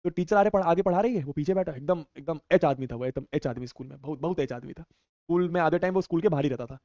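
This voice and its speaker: A young man with a slightly high, mellow voice talks fast while teaching an online class. He reads viewer comments in a casual live chat, teasing playfully and using slang. The recording sounds dull and dry.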